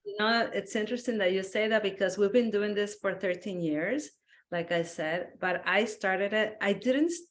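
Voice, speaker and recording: A woman from Peru chats as a guest in an informal interview. She tells her stories with a lot of animation, acting out what people said and laughing often, in a voice of ordinary, middle pitch. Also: normal speed. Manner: animated storyteller, acts out quotes, laughs often. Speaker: guest, wellness business owner. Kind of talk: casual interview chat.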